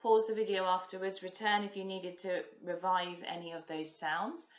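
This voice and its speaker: A woman around forty teaching a recorded French lesson. She models each sound clearly and prompts learners to repeat it. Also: on the low side, flat delivery, moderate pace. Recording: roomy, dull lo-fi recording.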